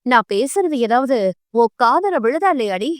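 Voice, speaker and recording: A woman's voice: sits high, very animated, normal speed, dry recording, studio quality. Woman voicing a scolding exasperated mother. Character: nagging exasperated middle-aged mother.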